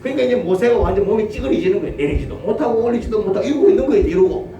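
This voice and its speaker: A male pastor with a Gyeongsang accent preaching a sermon, telling the story lively and asking his congregation questions. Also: high-pitched, very fast. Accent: Gyeongsang Korean. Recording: roomy church audio from a distance, faint noise.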